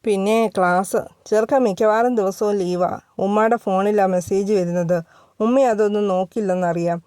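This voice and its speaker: A woman's voice: mid-range voice, fairly even intonation, normal speed, darkish tone, smooth, no echo, studio quality, natural voice. A woman doing a blunt, outspoken young wife. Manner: blunt, frank.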